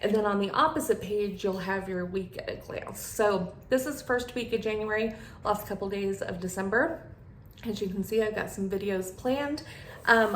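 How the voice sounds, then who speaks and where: A woman chatting casually to her viewers as a vlogger, with a slight lisp from wearing a retainer. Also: mid-range voice. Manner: friendly rambling chat addressed to viewers. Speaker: beauty vlogger and channel host. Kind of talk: casual chatty sit-down vlog. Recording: echoey room with clear background noise.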